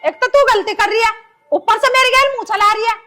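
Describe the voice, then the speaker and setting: A woman's voice: extremely high pitch, lively intonation, moderate pace, a bit bright. An actress playing a harsh village mother-in-law who scolds sharply, with a Haryanvi accent. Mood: scolding.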